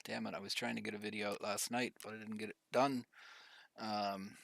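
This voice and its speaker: A man's voice: on the low side, level tone, brisk, creaky, a bit bright, dry recording. A middle-aged man with a slight cough, rambling through casual gameplay commentary with many fillers. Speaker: gaming YouTuber.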